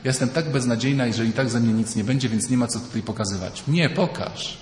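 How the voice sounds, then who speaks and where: A man, a priest, giving a lively retreat sermon, often acting out the people he quotes. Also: mid-range voice, quick pace. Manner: animated, mimics voices in quoted dialogue. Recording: echoey hall, faint ambience.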